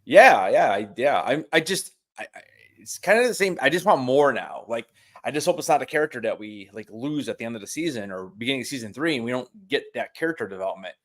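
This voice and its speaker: A man's voice: medium pitch, lively intonation, fast, a bit bright. A man hosting a live TV review, thinking aloud tentatively in casual chat.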